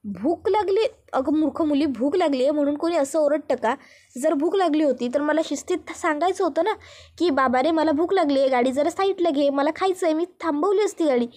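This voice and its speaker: A woman's voice: sits high, a little fast, a little mellow, close to an everyday voice. A woman voicing an arrogant, bossy rich young man who scolds and dismisses. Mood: scornful.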